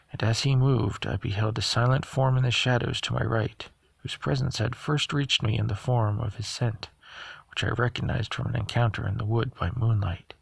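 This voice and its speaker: A man narrating a novel aloud at a steady pace, sometimes stumbling over a word and correcting himself. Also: on the low side, gravelly, husky, no echo. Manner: steady reading with occasional stumbles and self-corrections. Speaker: audiobook reader. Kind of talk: audiobook narration.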